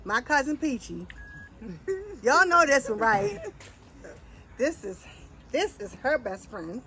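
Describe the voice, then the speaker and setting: A woman hosting a casual chat with friends, animated and laughing often, with playful drawn-out asides. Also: high-pitched, rough recording. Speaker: host.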